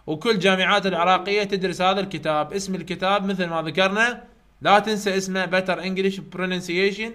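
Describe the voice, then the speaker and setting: A man with an Iraqi Arabic accent and a high, sharp voice tutors English phonetics in a live online lecture. He talks casually, repeats key points, and speaks straight to his students.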